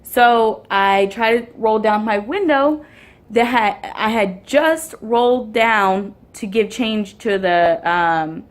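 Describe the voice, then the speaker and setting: This is a woman in her twenties or thirties, speaking straight to the camera in a casual storytelling vlog. She rambles, restarts sentences and fills the gaps with um and you know. Her pitch sits in the middle of the range. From Houston area, Texas. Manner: rambling, many ums and restarts. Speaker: vlogger and mother.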